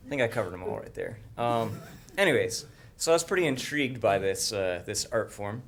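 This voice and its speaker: A man's voice: lowish voice, expressive, a little fast. A man giving a humorous speech to a club, speaking in a dry, mock-earnest way.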